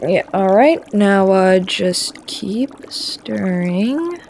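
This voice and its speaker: Speaking extremely slowly in an expressive, slightly mellow medium-pitched voice, a woman performs a sly, playful male trickster witch who tutors potion-making in an audio roleplay. The character snickers, teases and trips over hesitant fillers, and there's a little hiss or hum.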